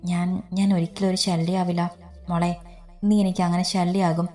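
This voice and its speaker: A woman voicing a gentle young man who is worried but comforting, in a low, even storybook reading. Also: moderate pace, natural voice. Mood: anxious. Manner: soft, reassuring.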